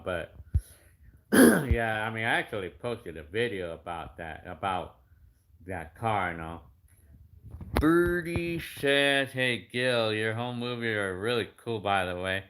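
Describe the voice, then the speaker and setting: Answering viewer comments on YouTube, a fifty-year-old man talks in a rambling, casual way full of fillers and false starts. His lowish voice is animated, unhurried and slightly bright, and there's a little hiss or hum on the audio.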